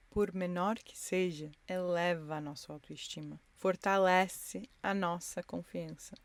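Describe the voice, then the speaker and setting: This is an intimate solo podcast monologue, recorded with no echo. The host, a woman with a fairly low voice, sits in her car and addresses her listeners directly, sounding reflective and encouraging.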